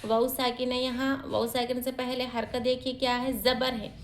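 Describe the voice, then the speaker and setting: A woman teaching Quran reading step by step, quickly explaining rules and then sounding out syllables slowly, asking questions and answering them herself. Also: a little high, little pitch movement, a little hiss or hum. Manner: alternates quick rule explanations with slow drawn-out syllable reading. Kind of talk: step-by-step recitation lesson.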